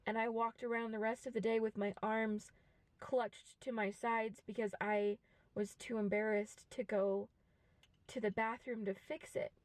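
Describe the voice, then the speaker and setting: A woman in her twenties talking frankly and reflectively to a camera, with many pauses. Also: a little high, little pitch movement, no echo. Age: 20s. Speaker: vlogger. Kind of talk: candid personal monologue to camera. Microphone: camera mic.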